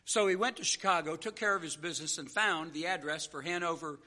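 A man's voice: on the high side, fast, sharp tone. A man preaching a sermon, telling a story and then driving home his point with earnest, repeated phrases.

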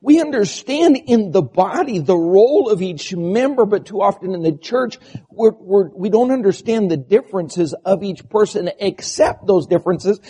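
Strained, bleating high-voiced male preacher. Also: animated, normal speed, dark tone, breathy edge. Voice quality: strained, quavering, bleating voice from a vocal disorder (spasmodic dysphonia). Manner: rhetorical questions and repeated lists. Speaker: preacher and church pastor. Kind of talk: sermon.

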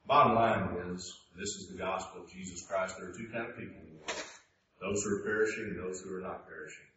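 A man preaching a sermon in a church, moving from hushed, slow passages to loud, high-pitched emphasis. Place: church sanctuary. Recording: echoey hall, distant mic, dull sound, faint noise.

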